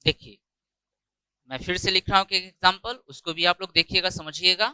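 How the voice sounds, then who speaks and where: Bright, crisp Indian male teacher. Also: high-pitched, steady tone, dry recording, low-quality recording. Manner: explains step by step, voices student doubts himself; repeats words slowly for emphasis. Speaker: English teacher. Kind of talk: classroom lecture.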